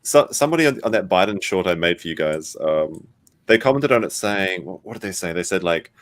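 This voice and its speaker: A man's voice: sits low, animated, a little fast, no echo. A man from Australia with an Australian accent, chatting casually in a group in a jokey, self-deprecating way.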